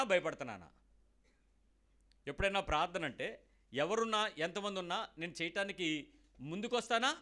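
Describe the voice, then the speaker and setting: A man's voice: high-pitched, pushed and bright. A man preaching a sermon to a congregation, questioning them directly and acting out short quoted conversations. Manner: acts out short quoted exchanges. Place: church hall with children present.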